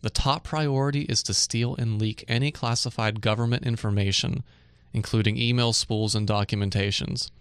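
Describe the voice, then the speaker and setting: A man's voice: fairly low pitch, fairly even intonation, moderate pace, few pauses, clean tone, no echo. Chatty male podcast host, dry sound. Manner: chatty, filler-heavy, laughs easily. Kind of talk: casual tech news chat. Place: dry studio.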